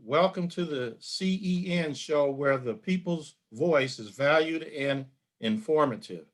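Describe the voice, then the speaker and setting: A middle-aged man hosting a community podcast interview, speaking in a measured, formal way. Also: a little high. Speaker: podcast host.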